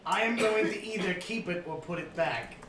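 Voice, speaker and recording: A man's voice: high-pitched, normal speed, background noise. A man chatting casually as a player in a tabletop game. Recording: echoey room, music behind.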